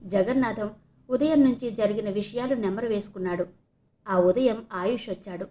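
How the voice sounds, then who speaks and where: A woman from India narrating an audio novel in a steady storytelling voice. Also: medium pitch, moderate pace.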